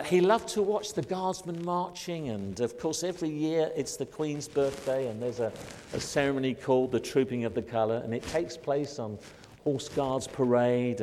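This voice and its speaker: Older British pastor, emphatic sermon delivery with slowed stresses; long church-hall reverb. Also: male voice, mid-range voice, a little mellow, slight background noise. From Britain. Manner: emphatic preaching cadence, slowing to stress key phrases.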